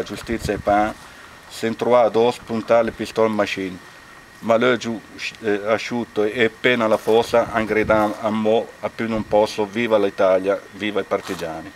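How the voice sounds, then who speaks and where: A man's voice: on the low side, slight background noise. A man with a Lombard Italian accent, speaking hesitantly with many fillers, then reading a dialect poem at an outdoor commemoration. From Castano area, Lombardy. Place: outdoors at a memorial bike ride.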